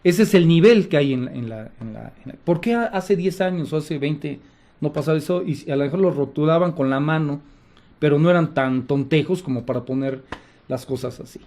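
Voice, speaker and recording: A man's voice: a little high, fairly quick, darkish tone. A middle-aged Mexican man with a Mexican accent hosting a political commentary show, speaking in a sarcastic, indignant way. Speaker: host.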